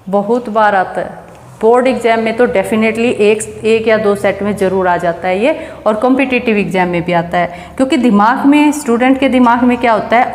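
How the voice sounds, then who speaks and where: Female teacher, fairly high voice, patient step-by-step explainer, recorded in a reverberant room. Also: darkish tone. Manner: explains step by step, asks and answers her own questions. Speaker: English teacher. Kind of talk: classroom grammar lesson. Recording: echoey room with long reverb.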